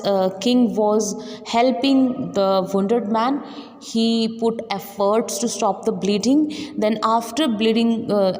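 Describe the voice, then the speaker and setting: A woman's voice: mid-range voice, a little mellow, big-room sound. A woman teacher who reads a story aloud and then patiently retells each line in simpler words for her students.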